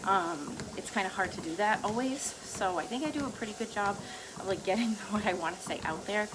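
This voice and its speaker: Walking on a treadmill, a woman chats to herself in a casual, rambling vlog, her medium-pitched voice expressive and fairly quick. She keeps breaking into light chuckles between phrases, and the background is noisy.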